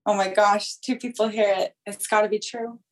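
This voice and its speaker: A woman's voice: medium pitch, little pitch movement, normal speed, poor audio. Woman guest from the Midwest, giggly and casual, filler-heavy speech. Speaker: caller. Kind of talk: casual chat.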